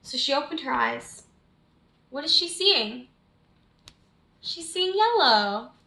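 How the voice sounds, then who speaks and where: With a sing-song lilt and a bright, forceful tone, a high-voiced woman reads a picture book slowly to small children. She prompts them with questions throughout, and the recording echoes as if in a large room.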